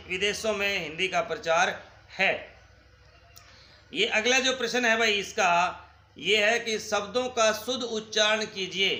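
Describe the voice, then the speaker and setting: A man with a Haryanvi accent walks students through a school lesson at an unhurried pace, his high, bright voice ringing in an echoey room. He patiently repeats words for pronunciation. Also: slight background noise. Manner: addresses students as brother. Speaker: teacher.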